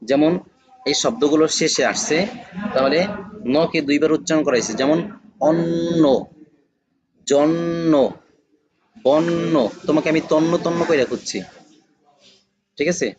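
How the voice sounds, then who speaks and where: A man teaching a lesson on conjunct letters, patiently repeating each example word slowly. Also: a little high, crowd noise, rough recording. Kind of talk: classroom lesson on Bengali spelling.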